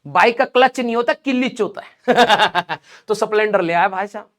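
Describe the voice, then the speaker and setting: Here the same kind of chatty personal story comes from a male teacher speaking at a moderate pace in a high, slightly bright voice. He laughs while talking to his students and leans on fillers such as "ठीक है" and "भाई साहब".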